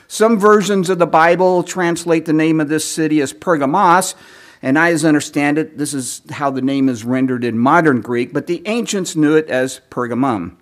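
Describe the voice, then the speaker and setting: A man giving a teaching sermon, lecturing in a measured way, clearing his throat often as he is losing his voice. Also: a little high. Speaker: preacher.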